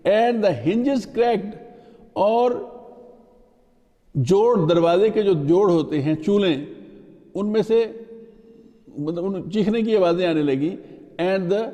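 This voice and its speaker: A man teaching from a storybook, reading each line slowly, translating it and spelling out new words letter by letter. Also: high voice, dark tone. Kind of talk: slow read-aloud with line-by-line translation and spelling. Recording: long hall reverb.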